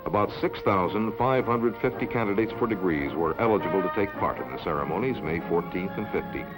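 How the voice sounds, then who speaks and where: A man's voice: sits low, animated, over loud music, rough recording. Man narrating an old newsreel. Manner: measured, formal announcing.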